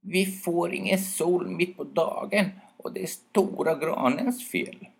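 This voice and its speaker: A man's voice: high-pitched, gravelly, husky, voice pushed up, heavily acted. A man doing sulky little birch-tree brothers. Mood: angry. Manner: sour and scheming.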